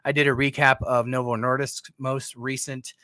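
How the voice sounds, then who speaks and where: A man's voice: medium pitch, level tone, moderate pace, sharp tone, dry recording, studio quality. A man hosting a live call-in stream, talking casually with many fillers and restarts. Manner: chatty, frequent fillers and restarts. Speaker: podcast host.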